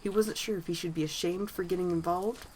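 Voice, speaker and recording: A woman narrating a fantasy story in a gentle, even reading. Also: lowish voice, brisk, slight background noise, poor audio.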